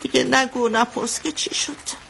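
A woman's voice: sits high, fairly even intonation, creaky, slight background noise. An actress playing an anxious mother who recounts a bloody wedding in a radio drama, telling it vividly. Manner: vivid storytelling, shouting out the quotes she retells.

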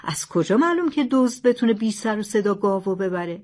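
A woman's voice: medium pitch, expressive, darkish tone, close to an everyday voice. A woman voicing a murderous male demon who argues stubbornly and makes threats in a storybook tale. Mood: scheming.

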